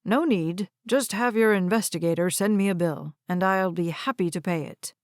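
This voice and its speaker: A woman voicing a shrewd, composed male lawyer who speaks in a measured, cool way. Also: on the low side, dry recording, clean studio sound, lightly acted.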